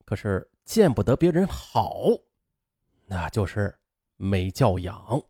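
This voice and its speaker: Lively male storyteller, dry close voice. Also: lowish voice, slightly rough, no echo. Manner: chatty asides with many drawn-out filler particles. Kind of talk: storytelling commentary on a true-life case.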